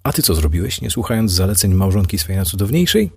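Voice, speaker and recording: A man's voice: low-pitched, very animated, fast talker, vocal fry, darkish tone, husky, exaggerated voice. A man voicing a playful middle-aged wife who teases her husband with mock-formal questions in a read story. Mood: teasing.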